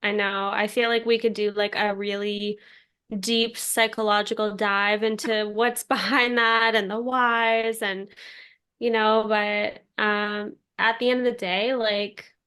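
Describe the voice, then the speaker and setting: A young woman co-hosting a podcast in casual chat, animated, laughing mid-sentence and posing hypotheticals. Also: mid-range voice, measured pace, clean tone. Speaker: podcast co-host.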